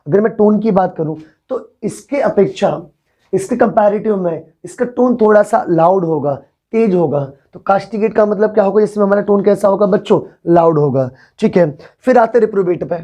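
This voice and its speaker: Mellow-voiced male vocabulary teacher. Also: sits high, brisk. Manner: explains patiently, repeats words, often asks the class if they follow. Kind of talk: classroom vocabulary lesson.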